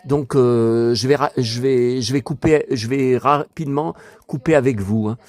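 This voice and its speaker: A man casually vlogging about collector books, excitable and rambling, talking straight to his viewers. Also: medium pitch, unhurried, no echo.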